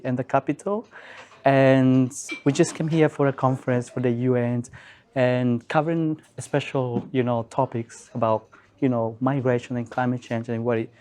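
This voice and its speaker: Casual interviewer, medium-pitched man. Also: a little mellow. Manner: casual, with fillers like "you know" and "um". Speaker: interviewer, host. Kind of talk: conversational interview.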